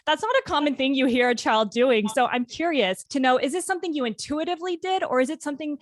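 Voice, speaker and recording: A woman's voice: high-pitched, quick pace, no room sound, clean studio sound. A woman hosting a podcast, asking her guest questions in a curious, encouraging way. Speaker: podcast host. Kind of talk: interview questions.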